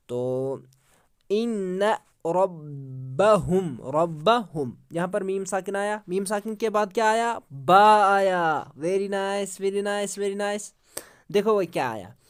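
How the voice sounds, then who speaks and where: A high-pitched man gives a Quran tajweed lesson on recitation rules. He asks questions and answers them himself, recites example words slowly and drawn out, and frequently praises with "mashallah."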